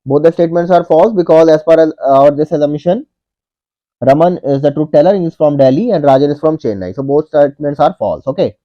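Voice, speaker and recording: A man's voice: a little high, brisk. Methodical man tutoring a logic puzzle. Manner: methodical, repeats each step and says "okay" often. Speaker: online tutor. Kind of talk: whiteboard puzzle walkthrough. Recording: dull lo-fi audio.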